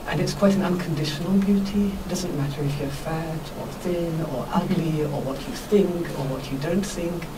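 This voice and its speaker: A woman being interviewed on radio as a workshop teacher, explaining spiritual ideas in an earnest, reflective, measured way. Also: on the low side. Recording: noisy, distant microphone.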